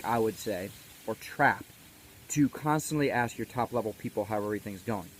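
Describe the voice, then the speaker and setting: A man's voice: mid-range voice, darkish tone. Man giving an emphatic coach's pep talk, noisy background. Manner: emphatic, repeats key words for stress. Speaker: motivational coach host of a daily video series. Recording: background noise and ambience.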